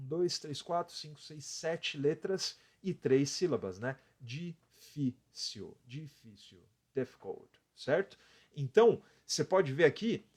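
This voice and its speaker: A Brazilian man teaching English on a live stream, explaining step by step, counting out letters and often adding a tag question. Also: mid-range voice. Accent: Brazilian Portuguese.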